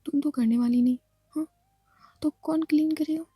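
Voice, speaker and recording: A woman's voice: sits high, fairly even intonation, moderate pace, dark tone, no room sound, close to an everyday voice. A woman whispering as a teasing injured young woman. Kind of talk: whispered role-play.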